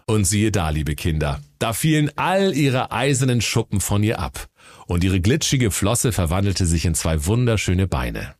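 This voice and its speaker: Deep-voiced man narrating a comic fairy tale. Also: very animated, measured pace. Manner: dry, mock-solemn storytelling. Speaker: storyteller.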